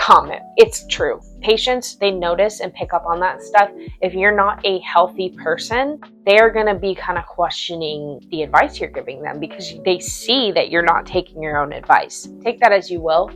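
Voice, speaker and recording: A woman nurse hosting an advice vlog, speaking frankly and animatedly to camera, sometimes acting out cheerful small talk with patients. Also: fairly low pitch. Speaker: nurse and channel host.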